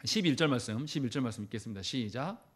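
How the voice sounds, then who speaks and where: A man pastor preaching a sermon in a church, acting out quoted lines with sudden loud bursts. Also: mid-range voice, animated, fast. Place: church sanctuary.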